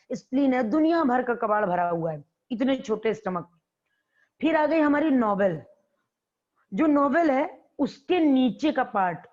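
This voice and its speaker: A woman's voice: on the high side, a little mellow. Woman biology teacher with a dull lo-fi sound. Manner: repeats key terms and quizzes students. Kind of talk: classroom lecture. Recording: dull lo-fi classroom recording.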